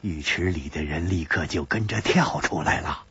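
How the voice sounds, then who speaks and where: A man narrating in a traditional oral storytelling style with an animated, expressive delivery. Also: low-pitched, normal speed, husky, no room sound, dull audio.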